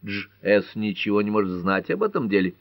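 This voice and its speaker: A man's voice: fairly low pitch, very animated, brisk, vocal fry, no room sound. A male narrator voicing a blunt, commanding older small-town judge in an audiobook. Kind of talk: audiobook character voice.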